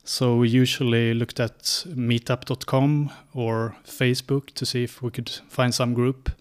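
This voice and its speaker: Swedish man telling his story at a steady pace. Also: mid-range voice. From Sweden. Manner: steady, methodical telling with many "uh" pauses. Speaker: guest. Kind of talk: casual interview answers.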